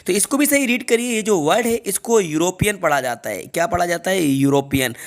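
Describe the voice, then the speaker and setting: An Indian man teaching an English grammar lesson for exam preparation, explaining step by step and reading each example sentence slowly, often twice. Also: sits high, lively intonation.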